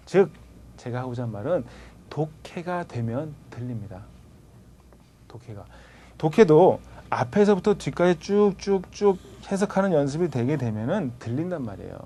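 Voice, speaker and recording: Animated man lecturing a class. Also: mid-range voice, a little hiss or hum. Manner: animated, rhetorical questions, colloquial asides. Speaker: TOEIC grammar lecturer.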